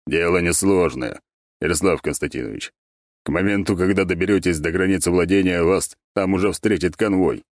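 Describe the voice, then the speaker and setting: A man voicing a measured, businesslike male aide in an audiobook. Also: deep voice, dry recording, studio quality.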